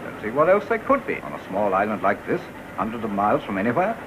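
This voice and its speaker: An actor playing a commanding ship's gentleman with a crisp, authoritative delivery in 1940s film style. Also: fairly low pitch, sing-song, fast. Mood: brisk. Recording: dull, hissy old film soundtrack.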